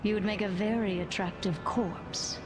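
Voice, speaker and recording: A woman's voice: medium pitch, steady tone, moderate pace, close to an everyday voice. Banshee queen female actor, undead, haughty and mocking, cool delivery, fantasy game, music underneath. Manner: cool, sardonic. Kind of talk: fantasy video game voice acting. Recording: music behind.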